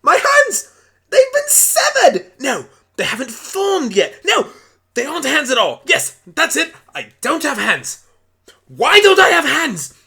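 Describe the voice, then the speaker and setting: A performer voicing a frantic, excitable alien Doctor turned talking pony in a hobby radio play, chattering away in exclamations. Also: sits high, unhurried, gravelly, voice pushed up, full character voice. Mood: bewildered, alarmed.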